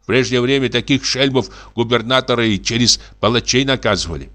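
A man's voice: mid-range voice, brisk, pushed and bright, pitched above the performer's own voice, lightly acted. A man reading an audiobook, voicing an old, frightened, pious forester who whines plaintively. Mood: grumbling. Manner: whining, plaintive.

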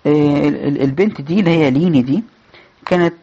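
A man's voice: a little high, quick pace, dark tone, husky, highs cut off. A man with an Egyptian Arabic accent hosting a podcast, reading book passages aloud and then commenting in casual talk full of hesitations. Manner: reads quoted passages with raised voice, then chats with many hesitations. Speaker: podcast host.

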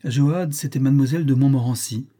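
A man reads a classic short story aloud as an audiobook, steady and measured. His voice is dark and mellow, with a husky, slightly breathy texture. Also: medium pitch. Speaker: narrator.

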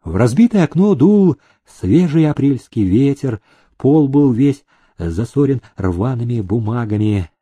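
A man reading an audiobook story aloud, measured and expressive. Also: mid-range voice, breathy edge, no room sound. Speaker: audiobook reader. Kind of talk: scripted narration.

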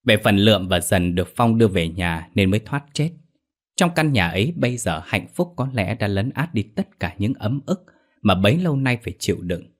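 A man narrates a horror story in a steady, dramatic reading. His voice sits fairly low. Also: normal speed.

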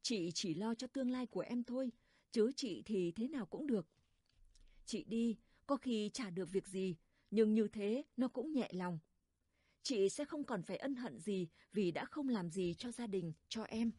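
A woman's voice: medium pitch, lively intonation, unhurried, warm tone, husky, no room sound, studio quality. A woman voicing a dutiful young village daughter who speaks earnestly and with resolve in a storybook reading. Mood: resolute.

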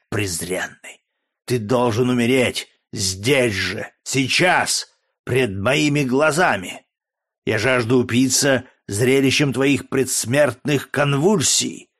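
Hoarse furious old roman dictator, read by a man, loud and drawn out, shouting orders. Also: medium pitch. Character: raging, sick old male Roman dictator.

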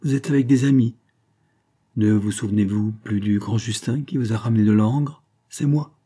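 Rustic young charcoal burner guy from an old storybook, brisk and reassuring, low husky voice, mellow tone, read out by a man. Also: lightly acted. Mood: hearty. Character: hearty young male charcoal burner, kindly.

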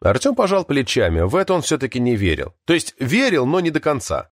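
Man narrating with lively pitch. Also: brisk, dry recording, clean studio sound. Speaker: audiobook narrator. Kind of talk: scripted narration.

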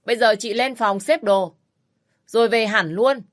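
A woman's voice: on the high side, lively intonation, moderate pace, voice pushed up. A woman voicing an angry, domineering old father-in-law who scolds harshly in a raised voice. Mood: furious scolding.

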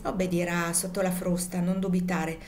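A woman's voice: fairly low pitch, flat delivery, normal speed, slight background noise, lightly acted. Legree, a brutal plantation master, as a woman puts him on. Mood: menacing. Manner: harsh, shouting, scornful. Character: cruel brutal male plantation master, middle-aged.

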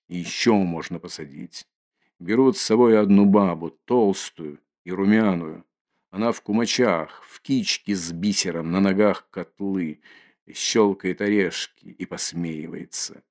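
A man reading a classic novel aloud as an audiobook, in a measured, dramatic storytelling manner. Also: lowish voice, darkish tone. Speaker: audiobook reader.

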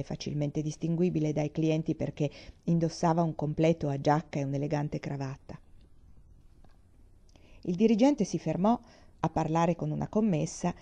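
A woman reading aloud a story she wrote herself, in an expressive narrating manner. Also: low voice, lo-fi sound. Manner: expressive reading with dramatic swings. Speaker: author reading her own stories.

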